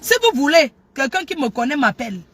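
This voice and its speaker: A woman hosting a casual live stream, talking loudly and in a scattered, animated way with many restarts. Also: high voice, fairly quick. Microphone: phone.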